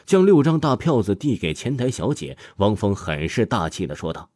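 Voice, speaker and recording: A man's voice: fairly low pitch, big pitch swings, moderate pace, no echo, studio quality. A man narrating an audiobook with dramatic storytelling. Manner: dramatic storytelling, voices all roles. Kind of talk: scripted narration. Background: soft background music.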